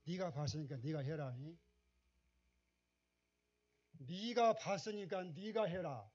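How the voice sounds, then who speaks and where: A slow, firm, commanding God, as a preaching man puts Him on, lower and louder than the man's own voice. He speaks with the weight of a fatherly divine presence. The recording is dull and muffled. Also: steady tone.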